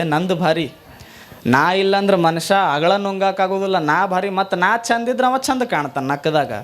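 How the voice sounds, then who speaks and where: A male spiritual teacher with a North Karnataka Kannada accent, giving a sermon full of animated storytelling and rhetorical questions. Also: sits high.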